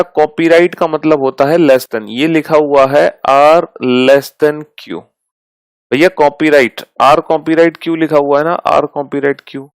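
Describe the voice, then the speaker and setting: A man's voice: fairly high pitch, clean tone, no echo, rough recording. A male teacher giving a math lesson, patiently repeating each step and affectionately addressing his students. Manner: reads out terms slowly and deliberately.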